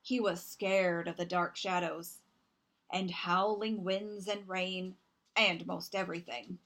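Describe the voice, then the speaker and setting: Reading aloud from a children's picture book, a woman with a lowish voice tells the story with expressive, deliberate delivery and dramatic emphasis.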